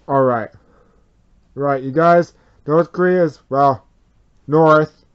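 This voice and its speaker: A man's voice: on the high side, slow, clear, resonant tone, lo-fi sound. Rambling man voicing plush toys at home. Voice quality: rambling, swearing, hesitant restarts. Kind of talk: improvised toy-puppet drama. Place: bedroom full of plush toys.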